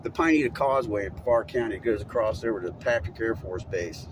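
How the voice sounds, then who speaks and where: A man's voice: on the low side, brisk, background noise. A middle-aged man vlogging as he drives, telling a rambling, chatty story and laughing at it. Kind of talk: casual storytelling monologue while driving. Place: inside a moving vehicle.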